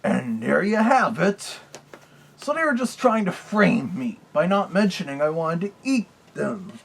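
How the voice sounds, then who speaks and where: A boastful cartoon wolf villain, as a man puts him on, talking in a high, gravelly voice that leaps up and down. His tone is husky and rough at the edges, and he chuckles to himself between remarks while he reviews with a hungry, self-satisfied air. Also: very animated, a little slow, exaggerated voice. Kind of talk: comedic character review.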